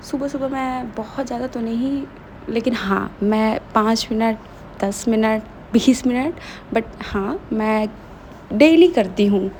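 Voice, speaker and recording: A woman's voice: mid-range voice, dark tone, slight background noise. A young woman chatting casually in a vlog voice-over, slipping English phrases into her talk. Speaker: vlogger.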